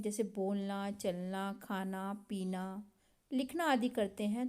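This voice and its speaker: A woman teaching a grammar lesson to children, speaking slowly and deliberately, asking the class questions and answering them herself. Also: fairly high pitch, warm tone. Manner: slow, deliberate, addresses children directly.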